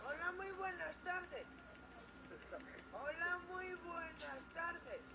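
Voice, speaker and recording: A man voicing a male game greeter who repeats the same greeting over and over like a skipping record, slow and mechanical. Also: extremely high pitch, gravelly, exaggerated voice. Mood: stuck greeting. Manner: slow, sing-song, mechanical repetition. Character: high-pitched male game greeter NPC, stuck on one line. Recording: game audio with loud background noise.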